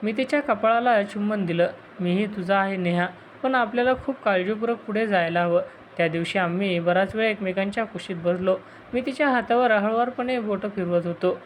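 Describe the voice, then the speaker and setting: Woman narrating a heartfelt story, steady emotional reading, middle pitch, faint hiss behind. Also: a little fast, rough recording. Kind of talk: scripted first-person story narration.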